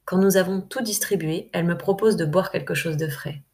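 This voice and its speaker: A young woman from France calmly reading her first-person travel diary aloud in a measured way. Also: on the low side. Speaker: narrator.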